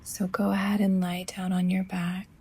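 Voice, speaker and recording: In a gentle, breathy near-whisper, a woman leads a relaxation meditation as a yoga teacher. Her medium pitch stays monotone, and long pauses separate each phrase.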